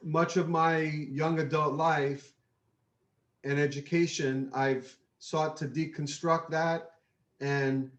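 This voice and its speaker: A man from the Bronx reflects in an interview at an unhurried pace, pausing often to choose his words. His voice sits a little high, and the recording sounds roomy and dull, as if captured in an echoey space on a lo-fi mic. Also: level tone. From New York (the Bronx). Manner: measured and thoughtful, with many pauses. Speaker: guest, father.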